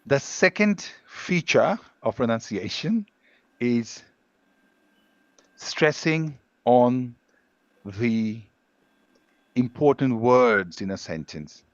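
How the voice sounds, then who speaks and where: A man's voice: medium pitch, animated, no echo. Guy teaching english on a video call, patient, lots of examples, bit muffled. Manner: patient, explains slowly with examples. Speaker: English pronunciation trainer. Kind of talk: online class teaching.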